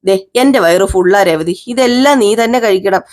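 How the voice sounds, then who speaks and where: A woman's voice: mid-range voice, normal speed, darkish tone, lightly acted. A woman voicing a caring young husband who coaxes his wife fondly and scolds her in mock sternness.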